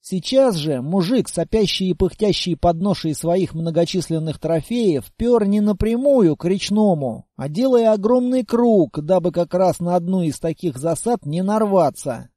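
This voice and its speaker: A man narrating a first-person audiobook in a steady, even-paced reading. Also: sits high, normal speed, few pauses, no echo, clean studio sound.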